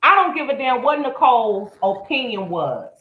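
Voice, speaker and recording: A woman's voice: a little high, very animated, normal speed, roomy sound, phone-quality sound. A woman hosting a live stream, giving blunt, profane, indignant commentary. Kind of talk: heated commentary.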